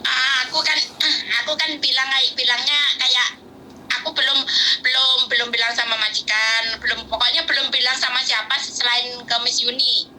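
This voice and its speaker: Bright-voiced woman caller on the phone. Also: on the high side, little pitch movement, moderate pace, slight background noise. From Indonesia. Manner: rambling storyteller, repeats words. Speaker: caller, domestic worker. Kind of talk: phone call, telling her story. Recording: tinny phone line.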